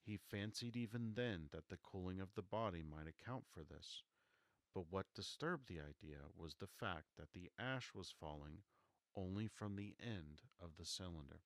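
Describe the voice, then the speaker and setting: Soft, low-pitched man reading a story. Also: moderate pace, no echo. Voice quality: soft-voiced. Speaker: audiobook narrator. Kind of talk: soft scripted narration of a classic novel.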